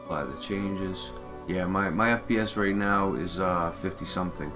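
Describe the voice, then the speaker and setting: A streamer and mod creator plays a video game, talking casually and half to himself at a moderate pace in a low voice. Game music is clearly audible behind him.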